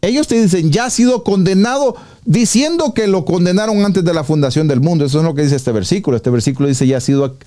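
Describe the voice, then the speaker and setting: Male pastor, teaching sermon; slightly high, mellow tone; reads verses and pushes back with rhetorical questions.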